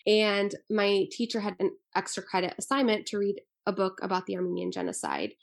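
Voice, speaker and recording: Woman, twenties, author, from Albania, earnest, thoughtful, gravelly. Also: mid-range voice, lively intonation, brisk. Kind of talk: interview answers.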